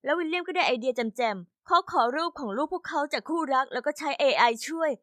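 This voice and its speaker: Female narrator, high register, dry close sound, steady scripted storytelling. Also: quick pace, no room sound. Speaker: narrator voicing all characters.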